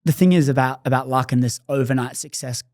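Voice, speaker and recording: A man's voice: mid-range voice, steady tone, quick pace, darkish tone, no room sound, clean studio sound. A man hosting a podcast interview, chatty and thinking aloud with plenty of fillers. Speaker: podcast host. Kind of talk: casual interview.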